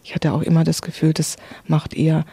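A mellow, soft-edged voice tells of faith and inner experience in a calm, earnest way. The words come haltingly, with restarts and repeats. The recording is dry and close. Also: mid-range voice, gravelly, husky, dry recording. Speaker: interviewee sharing spiritual experiences. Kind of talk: reflective personal testimony.

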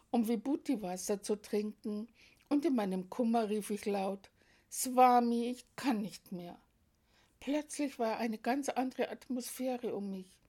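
A woman, reading her devotional testimony in a soft, reverent, measured way. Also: mid-range voice. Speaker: devotee telling personal experiences.

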